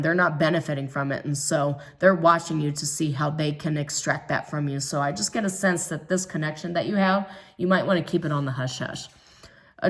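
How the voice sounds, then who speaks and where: A woman gives a casual tarot reading monologue, her low-pitched voice hoarse as she recovers from an illness. She muses and hesitates with many ums, yet grows emphatic when talking about others' jealousy.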